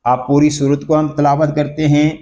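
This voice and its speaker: A fairly high-voiced man teaching Quran recitation, spelling each word letter by letter. He stretches the syllables slowly, then runs quickly through the rules of pronunciation. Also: monotone, mellow. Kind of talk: slow word-by-word Quran tajweed lesson.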